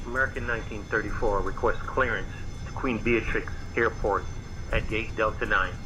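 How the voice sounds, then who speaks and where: A man's voice: fairly low pitch, steady tone, normal speed. A man speaking as a pilot in air traffic control radio phraseology over a radio. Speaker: pilot in an online flight simulation. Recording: noisy radio with engine hum.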